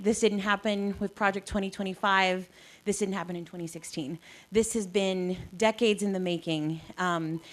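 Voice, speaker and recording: A woman's voice: mid-range voice, fairly bright tone. A young adult woman from South Texas, a pastor giving a chatty, self-deprecating talk to a live audience with frequent ums. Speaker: pastor and faith organizer.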